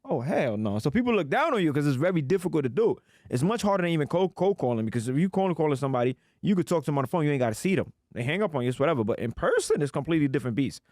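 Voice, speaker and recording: A man from the United States telling his life story on a podcast in an animated, slangy way, acting out the people he quotes. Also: fairly high pitch, rapid-fire, hardly any pauses, dry recording, clean studio sound. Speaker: podcast guest.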